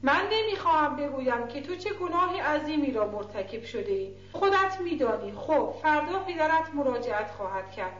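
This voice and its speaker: A stern older woman guardian with a harsh edge, scolding and commanding, voiced by a woman reading aloud. The voice sits high for a woman. The recording is roomy and a little dull. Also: animated, hardly any pauses, fairly bright tone.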